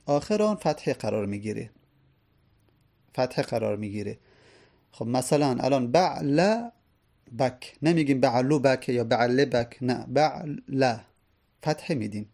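Gravelly-voiced man teaching a grammar lesson. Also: medium pitch, animated, pauses often, darkish tone. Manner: explains patiently with repeated examples.

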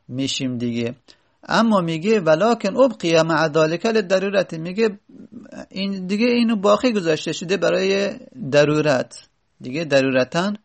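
A male teacher explaining an Arabic grammar text line by line, pausing often with hesitant fillers. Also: a little high, gravelly. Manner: reads an Arabic line, then explains it with many pauses and "uh" fillers.

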